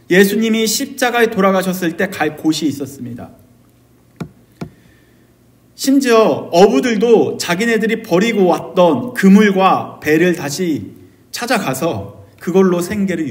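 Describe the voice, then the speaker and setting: A man pastor preaching a sermon, shifting between loud emotional cries and quiet, hushed phrases. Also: sits high.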